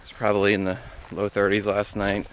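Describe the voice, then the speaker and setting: A young man with a lowish voice talks into a handheld camera out on a mountain trail, stopping and starting with plenty of ums. He sounds a little winded at times from the climb. Steady outdoor noise sits clearly behind him. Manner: halting, many fillers, easygoing. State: out of breath while hiking uphill. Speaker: thru-hiker vlogger. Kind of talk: casual trail vlog.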